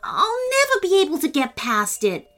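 A woman's voice: sits high, big pitch swings, unhurried, sharp tone, soft background music, heavily acted. A woman voicing a young boy in a storybook who sounds anxious and doubtful. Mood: worried boy. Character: young boy, worried older brother.

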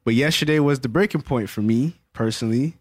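A man's voice: medium pitch, fairly quick, dry recording. A young man co-hosting a podcast in casual, slangy talk, often checking that his listeners follow. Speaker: podcast co-host. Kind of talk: casual chat.

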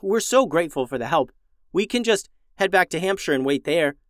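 A man voicing June, an eager, polite young girl who talks excitedly. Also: on the high side, brisk, dry recording, clean studio sound, pitched above the performer's own voice, natural voice.

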